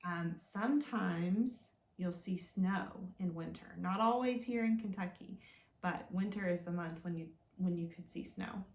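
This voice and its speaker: Reading to little kids and teaching as she goes, this woman uses a sing-song style and gentle, encouraging questions. Her voice is fairly low, unhurried and darkish in tone. It was captured from a distance in a room with plenty of echo.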